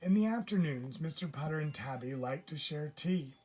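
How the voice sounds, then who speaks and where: A man reading a children's picture book aloud as a teacher would, with measured, deliberate phrasing. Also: fairly high pitch, expressive, a little mellow, faint music behind. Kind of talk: children's storybook read-aloud.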